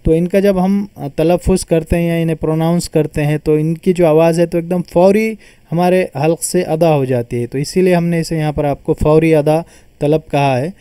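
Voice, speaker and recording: A man's voice: a little high, steady tone, normal speed, mellow, clear, resonant tone, dry recording, studio quality. A man teaching a grammar lesson, patiently explaining and repeating terms as he sounds them out.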